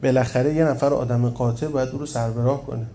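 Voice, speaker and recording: A man's voice: medium pitch, steady tone, warm tone, close to an everyday voice. A man reading the part of a stern, zealous man who urges harsh discipline, insistent and commanding.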